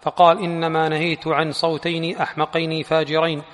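A male student reads a classical religious text aloud for his teacher in a steady, formal manner. His voice is a little high but keeps a flat, even line. It rings with a long reverb, as in a large hall. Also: brisk. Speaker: student reader. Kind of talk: reading a text aloud in a lesson.

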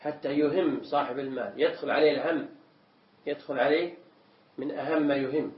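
A man teaching as a sheikh, explaining religious texts in a measured way, often repeating words as he explains. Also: medium pitch, fairly even intonation, crowd noise. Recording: echoey room, distant mic, dull sound.

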